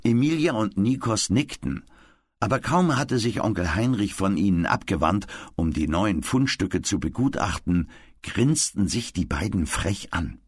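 A man reading a children's story aloud as narrator, with expressive, lively delivery. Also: low voice, husky, no room sound, studio quality.

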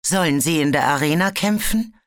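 A storybook narrator voicing a female earth dragon who speaks in a calm, assured way. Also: mid-range voice, moderate pace, no room sound, clean studio sound, voice pushed up, close to an everyday voice. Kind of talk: audiobook character voice.

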